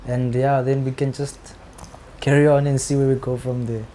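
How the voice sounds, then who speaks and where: A South African man, a football player, talking casually in a relaxed, unhurried way. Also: medium pitch, a little hiss or hum. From Johannesburg, South Africa. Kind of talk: casual chat. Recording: roomy echo.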